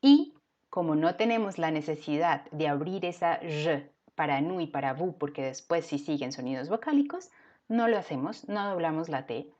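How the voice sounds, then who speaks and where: Woman teacher, slightly low voice, drawn-out patient delivery, explains grammar, dull lo-fi audio. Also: animated, a little mellow. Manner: slow, careful modeling of pronunciation. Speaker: French teacher. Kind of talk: explaining French grammar lesson. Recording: dull lo-fi recording.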